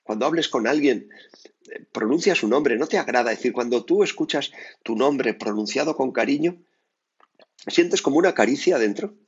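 Spanish priest chatting thru a meditation, gravelly and a bit husky, dull lo-fi audio. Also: male voice, medium pitch, moderate pace. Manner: conversational, frequent tag questions, lively asides. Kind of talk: spoken meditation.

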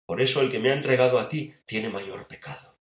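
A man from voicing a meek, suffering man in a sermon retelling, speaking quietly and gently. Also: medium pitch, brisk, lightly acted. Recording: echoey room.

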